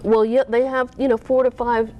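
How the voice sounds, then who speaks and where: A woman author being interviewed, talking casually with animated pitch that jumps up when she makes a point. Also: moderate pace, lo-fi sound. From Cape Cod, US.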